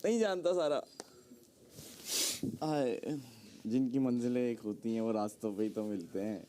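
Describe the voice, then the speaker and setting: A man's voice: mid-range voice, normal speed, warm tone, slight background noise. A man who teases playfully, then lectures firmly during an argument. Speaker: reality show contestant. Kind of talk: argument and flirting banter.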